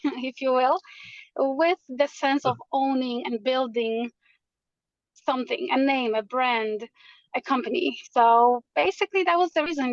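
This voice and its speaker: A woman from Poland whose first language is Polish is a realtor and interview guest, earnestly explaining her background and the market. Her voice is high. The recording has no echo but sounds muffled.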